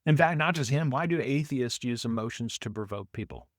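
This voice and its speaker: A man delivers reaction commentary on a debate clip in an emphatic, arguing tone. He keeps asking pointed rhetorical questions. His voice sits at a middling pitch and sounds close and dry. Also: lively intonation, a little fast, dry recording. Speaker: reaction video host.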